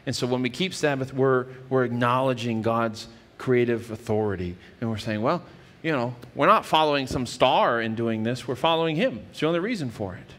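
A pastor in his thirties, with a medium-pitched, somewhat bright voice and a brisk pace, preaches from a church stage in front of a wood-paneled wall. He explains scripture earnestly, often restarting his phrases, and the church hall adds reverb.

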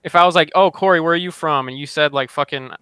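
A man's voice: fairly high pitch, fast talker, sharp tone, clear, resonant tone, no room sound. A man on a casual podcast, talking bluntly and swearing a lot.

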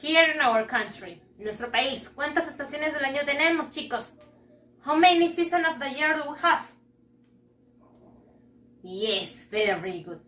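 A woman teaching children English, stretching her words slowly for them to repeat. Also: high-pitched, expressive, fairly bright tone, roomy sound, recorded from a distance. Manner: switches between English and Spanish. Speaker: primary school English teacher. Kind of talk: bilingual classroom lesson.

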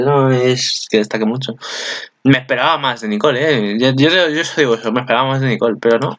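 A man's voice: medium pitch, fairly bright tone. A man, chatting casually as channel host in a rambling way, often correcting himself. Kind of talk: casual anime commentary.

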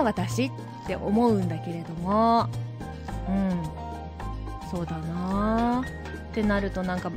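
A woman hosting her own web radio show, talking casually and reflectively, thinking aloud with soft asides. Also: a little high. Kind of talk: casual solo radio talk. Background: background music.

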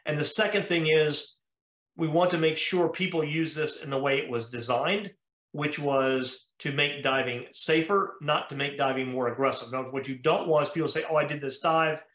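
An American-accented male cardiologist gives a methodical slide lecture over a video call for a diving conference, explaining step by step with frequent "uh" fillers. His voice is on the high side and fairly bright, at a normal speed, and the room sounds echoey.

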